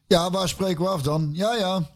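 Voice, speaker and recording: A man's voice: sits high, moderate pace. A man in casual chat, telling a long anecdote full of fillers, curses and his own laughter.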